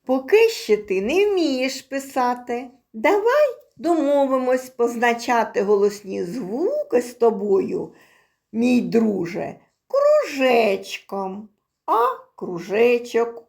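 A woman teaches a phonics lesson to small children, her voice high and swooping in a sing-song lilt. She talks very slowly and draws each sound out. There is a gravelly edge of fry in her voice. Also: a little mellow. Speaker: preschool teacher.

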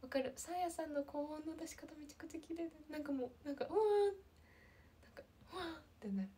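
A woman in her twenties with a light lilt, chatting casually on a livestream and reading viewer comments, often slipping into soft half-whispers. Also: sits high, fast. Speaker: idol livestream host.

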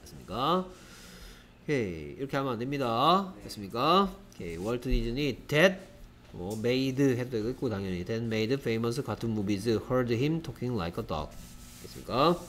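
A man teaching an English grammar lesson to students, lively and constantly checking in with rhetorical questions. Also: mid-range voice, a little slow, a little hiss or hum.

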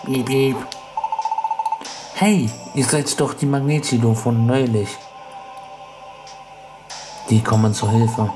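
A man voicing polite, helpful beeping magnet robot creatures in a game, talking in a hushed way. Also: mid-range voice, steady tone, slow pace, pauses often, lightly acted. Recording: loud game music behind.

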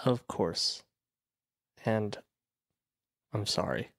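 Brief: a gentle, playful partner, unhurried, dry close audio drama. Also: male voice, lowish voice, vocal fry, no echo, full character voice. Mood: tender. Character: Logic, a devoted, witty musician partner.

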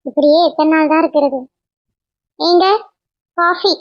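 A woman voicing a young cartoon wife who talks softly and apologetically to her husband. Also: high voice, fairly even intonation, a little slow, dull audio, a little hiss or hum. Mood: hesitant. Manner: soft, apologetic.

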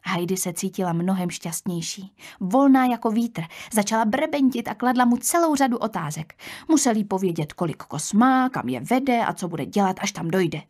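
Calm woman narrating a storybook. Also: medium pitch. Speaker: audiobook narrator. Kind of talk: scripted audiobook narration.

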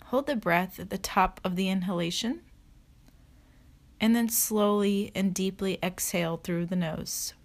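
This is a woman instructor talking listeners through a meditation, her delivery soft, calm and deliberate with frequent pauses. Her voice falls in the middle range, recorded dry with no room sound.

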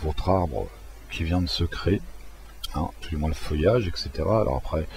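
A man walking through a software tutorial in a casual, hesitant way, with many fillers and restarts. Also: rumbling low, normal speed, vocal fry, slight background noise. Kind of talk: casual screen-recorded tutorial.

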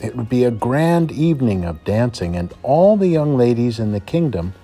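Brief: male teacher reading a storybook aloud, husky and mellow. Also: medium pitch, moderate pace, faint music behind. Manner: expressive, dramatic storytelling. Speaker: first-grade teacher.

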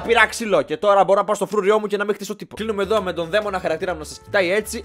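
A young man giving jokey, excitable gameplay commentary as a YouTuber, shouting during fights. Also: high voice. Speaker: gaming YouTuber. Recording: background game music.

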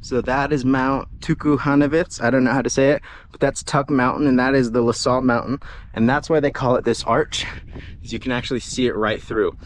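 On a desert hike, a young man records his photography vlog through an action camera mic, cheerfully chatting and describing his equipment as he goes. He speaks a little fast in a steady, mid-range voice over slight background noise, sometimes short of breath.

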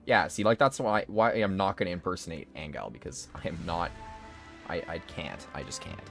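A male streamer with a fairly low, strained, tired-sounding voice, chatting with viewers between tank battles. He laughs often and drops casual slang, his pitch moving freely, with light music underneath. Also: animated, normal speed, gravelly. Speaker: game streamer. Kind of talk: casual live-stream chat.

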